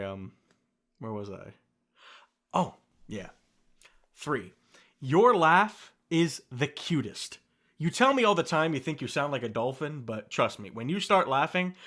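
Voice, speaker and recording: A young man's medium-pitched voice swings widely as he speaks unhurriedly, pausing often, in a scripted ASMR best-friend roleplay. Softly and gently he reassures the listener, adding light teasing laughs, recorded close on a studio mic.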